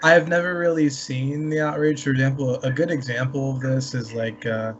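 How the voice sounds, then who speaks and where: A man in a casual podcast chat, making his point in a measured, opinionated way and often saying "you know.". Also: medium pitch, fairly even intonation, soft background music. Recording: dull lo-fi sound with faint hiss.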